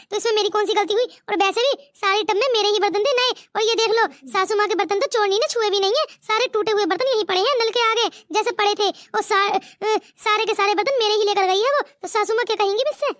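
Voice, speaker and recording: Cartoon young bride, defensive and anxious, played by a woman, very high, dry delivery. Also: fast talker, few pauses, fairly bright tone, dry recording. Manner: defensive, pleading.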